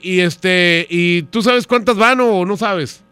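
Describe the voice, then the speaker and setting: High, bright-voiced teasing Mexican radio prankster. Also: male voice, slow pace, clear, resonant tone, no echo, faint music behind. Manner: teasing, mocking, needling. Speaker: radio host making a prank call. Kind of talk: prank phone call on radio.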